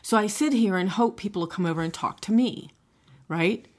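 A woman's voice: mid-range voice, normal speed. A middle-aged woman co-hosting a podcast, talking casually and often checking in with "right?" and "you know". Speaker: podcast co-host. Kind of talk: casual chat.

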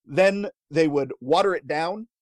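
A man co-hosting a casual chat, telling food history with wry, deadpan jokes. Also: a little high, a little slow, no echo, studio quality. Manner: wry, deadpan jokes, laughs at own lines. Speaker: podcast co-host telling history.

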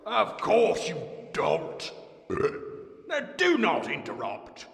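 A man voicing a pompous, greedy old male rat who hoards food, speaking gruffly in haughty old-fashioned phrases. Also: high-pitched, huge pitch swings, drawn-out words, a bit bright, voice pushed up, exaggerated voice. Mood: boastful. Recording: echoey room with long reverb.

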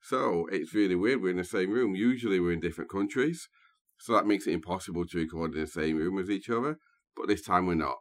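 A man hosting a true crime podcast, telling the story in a measured, scene-setting way. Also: sits low. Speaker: podcast host. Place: small booth, sharing a room with co-host.

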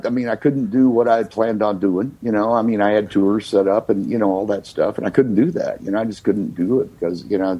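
Here an older American singer-songwriter guest recounts his story in a lowish, husky voice, relaxed and reflective, leaning on "you know" again and again. The sound quality is lo-fi.

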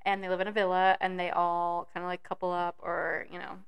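A woman co-hosting a podcast in casual chat, bubbly and quick to laugh. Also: lowish voice, flat delivery, vocal fry, clear, resonant tone. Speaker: podcast co-host.

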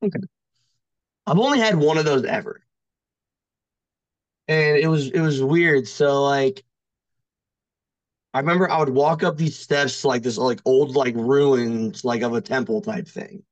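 This man, a guest on a podcast, chats loosely about his own experiences, hesitating and dropping "like" again and again. He speaks at medium pitch, unhurried and pausing often, in a lo-fi recording without echo.

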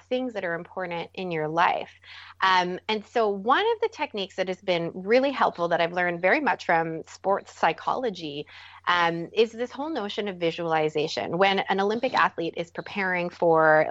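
A woman guest on a podcast, talking earnestly about parenting and growing animated when she acts out what she says to her kids. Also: lowish voice, no echo, lo-fi sound. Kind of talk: conversational podcast interview.

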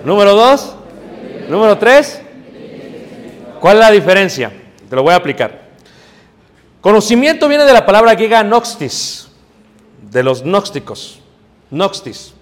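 A man from Mexico City with a Mexico City Spanish accent, preaching a lively sermon to young people and asking them questions. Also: high voice, measured pace, pauses often, long reverb tail. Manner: lively, joking, asks the audience questions. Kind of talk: sermon to youth.

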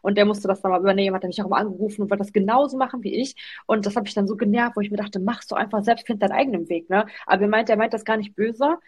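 A woman hosts a relaxed podcast conversation about parenting. Her voice sits in an ordinary middle pitch, and she talks loosely, often ending her sentences with a questioning "ne?". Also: rapid-fire, slightly rough. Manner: chatty, often ends with "ne?". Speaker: podcast host. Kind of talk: casual chat.

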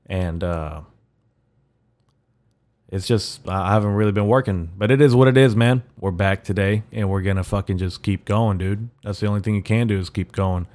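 A man with a raspy morning voice hosting a casual solo podcast, rambling haltingly with profane, slangy bro-talk. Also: lowish voice, steady tone, a little mellow. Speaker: podcast host.

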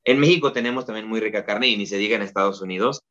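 A man's voice: fairly low pitch, very fast, lo-fi sound. Chatty Mexican man telling travel stories. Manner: lively storyteller, many fillers like "este". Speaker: guest. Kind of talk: casual interview chat.

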